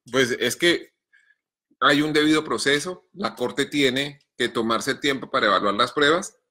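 Man, bright clear voice, measured column reading, coughing. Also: mid-range voice. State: coughing fits. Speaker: journalist columnist. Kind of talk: reading his column aloud, then answering viewer questions.

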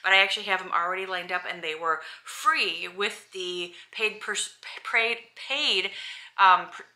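A lifestyle vlogger from Alabama, USA, a woman in her forties, chats casually to camera from her bedroom at home, rambling with lots of ums and restarts. Her mid-range voice has a sharp tone and a measured pace.

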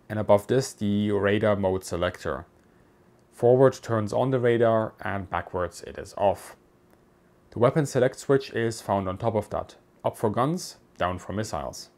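In a voice-over, a presenter with a fairly low voice narrates in a measured, explanatory manner. His steady, scripted delivery resembles a guided documentary walkthrough, and it was not recorded in the cockpit shown.

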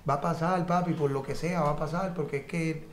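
A man's voice: fairly high pitch, fairly even intonation, brisk, echoey room, slight background noise. A man giving heartfelt advice in a casual interview, emphatic and repetitive. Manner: emphatic, repeats points, peppers with "brother" and "¿entiendes?". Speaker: guest artist.

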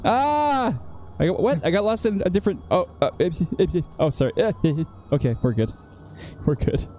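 A man playing a video game and bantering casually, joking and laughing often, reacting loudly to the game. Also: a little high, animated, a little fast. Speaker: gaming streamer. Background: game music.

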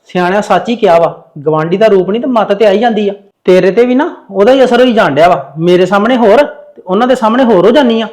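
A man acting as a stubborn younger son who keeps bickering with his family. His voice sits very high for a man, and the words tumble out fast and argumentative. It is a family drama scene. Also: a little mellow, lightly acted. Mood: sullen. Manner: argumentative, sulky.

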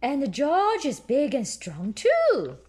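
A woman voicing an excited little girl pig from a storybook, with gleeful, drawn-out lines. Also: sits high, pitched above the performer's own voice, heavily acted. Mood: proud.

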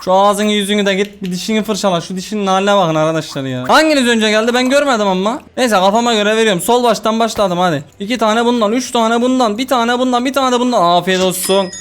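A man's voice: high voice, a bit bright, clear, resonant tone. A young man giving casual, joking commentary while playing a game, talking to the customers on screen. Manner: jokey, bossing game customers around. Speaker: gaming streamer. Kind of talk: casual let's-play commentary.

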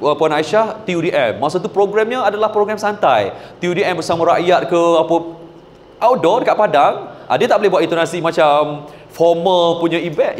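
A man with a Malaysian Malay accent runs an emcee workshop, chatting casually and then breaking into big ceremonial announcements. His voice sits fairly high and swings widely in pitch. The sound carries a long hall reverb. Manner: switches between casual explaining and booming announcer demos. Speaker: emcee trainer. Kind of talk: workshop teaching with demonstrations.

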